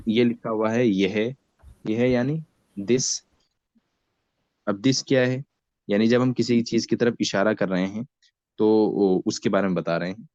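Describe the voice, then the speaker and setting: Indian guy teaching arabic on a video call, low voice, dry muffled sound, tired from fasting, makes ppl repeat words. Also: a little mellow. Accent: Indian Hindi-Urdu. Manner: patient, repeats words for students to echo. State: fasting with a headache. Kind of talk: online class teaching. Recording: dull lo-fi video call audio.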